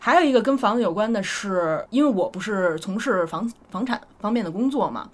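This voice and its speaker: A woman's voice: mid-range voice, animated, brisk. Woman, Beijing accent, casual chat, podcast guest, repeats short words. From Beijing, China.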